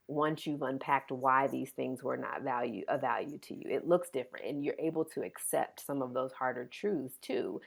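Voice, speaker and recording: Low gravelly woman on a podcast, earnest, explaining her work with kids. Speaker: pediatric physical therapist guest. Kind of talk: podcast interview.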